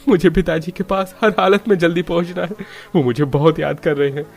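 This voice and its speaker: A man's voice: fairly high pitch, fairly even intonation, brisk, vocal fry, soft background music. A man voice acting a worried father in a cartoon story, earnest and anxious.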